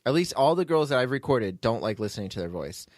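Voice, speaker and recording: Very animated and quick, this man speaks at medium pitch in clean studio sound with no echo. He's the host, writer, and producer of an audio drama, chatting casually behind the scenes on his podcast. His style is rambling, jokey, and self-deprecating.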